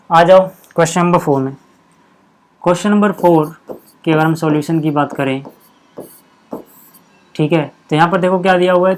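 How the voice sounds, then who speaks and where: A man teaching a maths lesson, talking students through each step in a chatty way and saying "okay" often. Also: high voice. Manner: chatty, repeats "ठीक है", addresses students as bhai. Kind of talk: blackboard-style lesson explanation.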